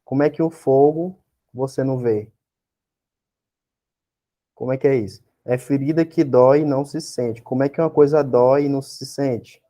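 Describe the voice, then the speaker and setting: A Brazilian man with a Brazilian Portuguese accent teaches an exam-prep lecture in a mellow, warm, mid-pitched voice at normal speed with long pauses. He explains each point step by step and patiently, constantly checking in with tag questions and rhetorical questions to make sure his class is following.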